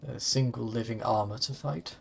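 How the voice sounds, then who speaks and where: A man's voice: medium pitch, moderate pace, gravelly, slight background noise. A man co-commentating a game in casual chat, with laid-back, hesitant short replies.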